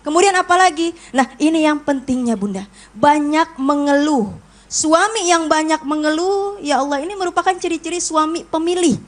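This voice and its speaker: A woman preacher giving a lively sermon on a talk show, acting out quoted husbands and wives as she goes. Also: high voice, moderate pace.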